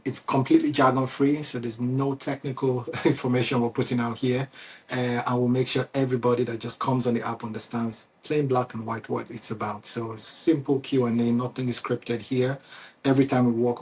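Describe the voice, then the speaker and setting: Talking to his customers at a fairly quick pace, the company's founder has a slightly rough, a little mellow mid-range voice with a flat delivery and a Nigerian accent. He hosts the Q&A loosely, with many fillers, restarts and chuckles.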